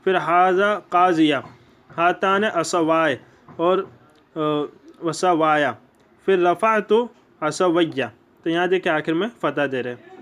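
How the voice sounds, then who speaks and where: A man's voice: on the high side, slow pace, pauses often, fairly bright tone. A man with an Urdu accent giving a grammar lesson, explaining step by step and repeating key points. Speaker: teacher. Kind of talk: classroom lecture.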